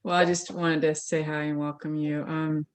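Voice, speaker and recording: Over a video call, a woman born in Scotland but speaking with an American accent reflectively shares a personal story as a congregation member. Her voice sits low with little pitch movement, and she talks at a moderate pace.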